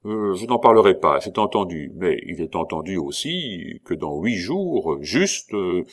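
A man voicing an irritable army commandant, talking in a gruff, loud, exasperated way in a read-aloud novel. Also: deep voice, very animated, measured pace, exaggerated voice. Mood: irritated. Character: irritable middle-aged army commandant, gambler.

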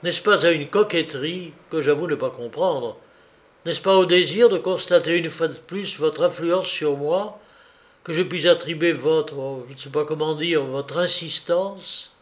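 A male reader voicing a troubled young man who answers in hurried, jerky, bitter phrases, in a spoken novel reading. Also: a little high, close to an everyday voice.

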